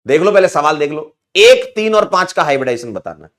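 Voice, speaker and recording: A man's voice: on the high side, big pitch swings, brisk. A man from India teaching chemistry in a live online class, playful and teasing, counting aloud as he explains.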